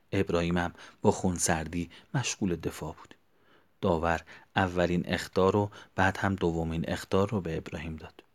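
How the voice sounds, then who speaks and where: A man narrating a story in a quiet, hushed way that often drops near a whisper. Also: deep voice.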